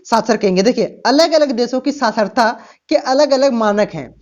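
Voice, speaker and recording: A woman's voice: a little high, moderate pace, darkish tone. A woman teaching an exam-prep lesson to students, often asking a question and then answering it herself. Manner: explains with rhetorical questions, repeats "ठीक ना" and "प्यारे बच्चों". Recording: dull lo-fi recording.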